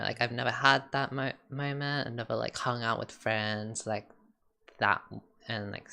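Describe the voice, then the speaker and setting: Gravelly, bright young man. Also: medium pitch. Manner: rambling, heavy use of "like" and "you know". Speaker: podcast co-host. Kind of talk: casual chat.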